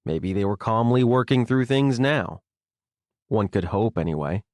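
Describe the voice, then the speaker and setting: A male audiobook narrator tells the story in the first person, low-pitched and wry with a sardonic bite. The studio sound is close and dead dry. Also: animated, unhurried, a little mellow, dry recording. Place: recording studio. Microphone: close studio mic.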